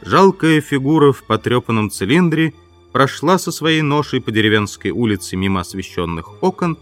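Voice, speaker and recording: A man narrating an audiobook in a measured, even storytelling manner. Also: mid-range voice, dry recording, soft background music. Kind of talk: scripted narration.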